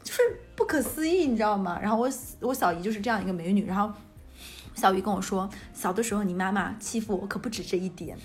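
Quick-talking woman telling family stories. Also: medium pitch, faint music behind. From Northeast China. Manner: lively anecdotes, breaks into laughter. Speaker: podcast co-host. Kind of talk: casual storytelling chat.

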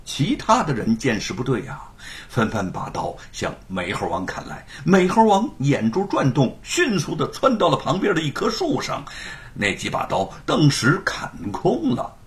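A man performing a traditional Chinese storytelling piece, narrating in a dramatic, animated way. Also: a little high, normal speed.

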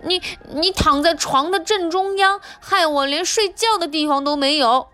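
A woman's voice: extremely high pitch, normal speed, no echo, faint music behind, voice pushed up. A woman playing a squealing, hot-tempered little boy frog. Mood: indignant. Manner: loud, whiny, indignant shouting.

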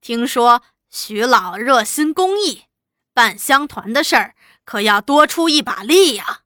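A woman's voice: fairly high pitch, lively intonation, measured pace, sharp tone, no echo, clean studio sound. Woman voicing a pompous warlord commander. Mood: condescending. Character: middle-aged man, pompous warlord commander.

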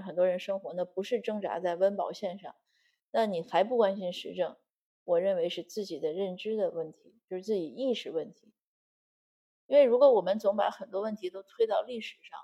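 A woman's voice: mid-range voice, warm tone, breathy edge. A middle-aged woman from China giving a spoken commentary monologue, arguing her case and throwing in rhetorical questions.

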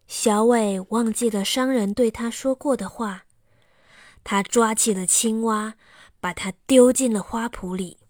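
A woman narrating a children's bedtime story slowly and softly. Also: on the high side, no room sound, clean studio sound. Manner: slow and soft.

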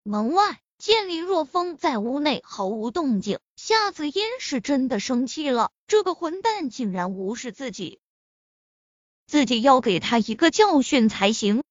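A woman narrating an audiobook with expressive storytelling. Her high voice swings widely in pitch. The sound is dry and slightly dull. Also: measured pace, dry recording. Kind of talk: audiobook narration of a web novel.

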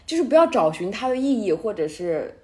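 A woman's voice: mid-range voice, very animated, brisk, darkish tone. A woman chatting casually as an agreeable, thoughtful conversation partner. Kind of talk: casual chat.

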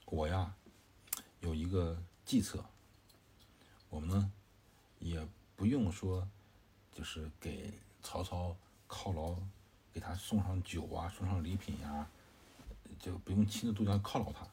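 A man voicing a sly adult male strategist who persuades smoothly in a plain, conversational storytelling voice. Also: low-pitched, unhurried, pauses often, dark tone, a little hiss or hum.

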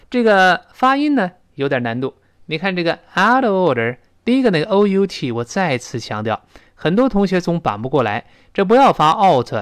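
A man from China teaching English pronunciation in a recorded lesson, explaining and demonstrating sounds slowly and loudly. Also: mid-range voice, no echo, clean studio sound.

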